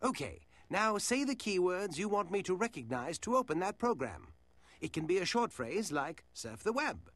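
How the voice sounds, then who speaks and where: An actor playing a cheerful big beaked cartoon toucan mascot, giving polite scripted instructions as a software assistant. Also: male voice, high-pitched, sing-song, moderate pace, dry recording, heavily acted. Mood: helpful, instructive.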